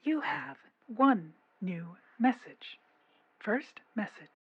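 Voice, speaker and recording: A woman's voice: fairly high pitch, lively intonation, takes it slowly, vocal fry. An automated woman's voice announcing messages on a voicemail system. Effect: automated voicemail prompt played back. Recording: dull lo-fi voicemail playback.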